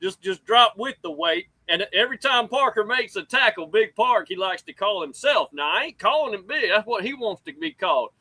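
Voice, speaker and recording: A man with a Southern US accent hosting a sports show in casual, folksy talk, excitable and rambling. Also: high-pitched, a little fast, few pauses, breathy edge, no room sound.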